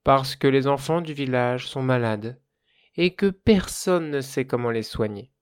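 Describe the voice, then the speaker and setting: A gentle young village girl with a soft, pleading way of speaking, as a man puts her on while reading a folk tale aloud. Her voice sits in a middle range. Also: mid-range voice, measured pace, clear, resonant tone, close to an everyday voice. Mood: sad.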